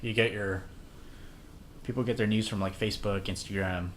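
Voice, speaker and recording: A man's voice: fairly low pitch, steady tone, normal speed, slight background noise. A young man co-hosting a casual podcast, rambling with fillers and trailing thoughts. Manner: rambling, hesitant, lots of fillers. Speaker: podcast co-host. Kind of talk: casual chat.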